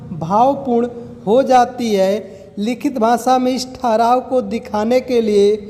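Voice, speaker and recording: High-voiced male teacher in a reverberant room. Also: warm tone. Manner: explains step by step, poses questions and answers them. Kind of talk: exam-prep grammar lesson. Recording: long hall reverb.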